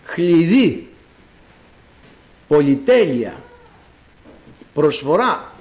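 A man's voice: a little high, big pitch swings, darkish tone. A man preaching a sermon, explaining words to the congregation and calling out quoted lines in a raised voice.

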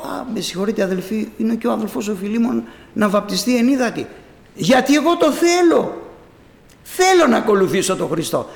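A man preaching an evangelical sermon and telling his own testimony, acting out the voices he quotes and calling out loudly. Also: very high voice, gravelly. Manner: animated, acts out quoted voices, calls out loudly. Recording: roomy hall reverb.

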